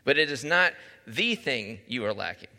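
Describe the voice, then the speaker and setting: A man's voice: medium pitch, very animated, normal speed, sharp tone, long reverb tail. A man preaching a conversational sermon, often asking his listeners questions. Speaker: pastor.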